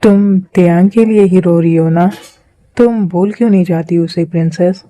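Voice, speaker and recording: A woman's voice: on the low side, moderate pace, dark tone, no echo, close to an everyday voice, poor audio. A woman voicing a stern, protective older brother in a fan-made dubbed drama. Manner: scolding, protective.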